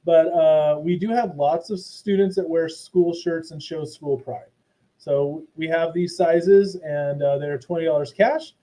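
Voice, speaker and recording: A man giving a casual, chatty school presentation to parents from his office. His audio is robotic and garbled, like a low sample rate, and he uses many fillers and restarts. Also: measured pace, warm tone, rough recording. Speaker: school principal. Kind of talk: live online presentation to parents. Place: hot indoor office.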